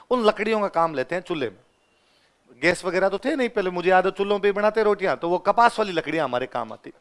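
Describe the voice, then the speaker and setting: A man in his twenties with a Rajasthani Hindi accent from the Ganganagar area, teaching a class and telling stories in an animated way, acting out the dialogue and laughing often. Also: high-pitched. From Rajasthan, India. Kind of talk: classroom lecture with anecdotes.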